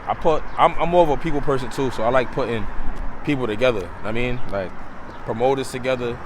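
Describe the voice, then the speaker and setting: A man's voice: medium pitch, fairly quick, noisy background. A man in his twenties from Brooklyn, a DJ and promoter, talking loosely and slangily as an interview guest, recorded outdoors by a street. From Brooklyn, New York. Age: 20s. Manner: loose, slangy, rambling storyteller.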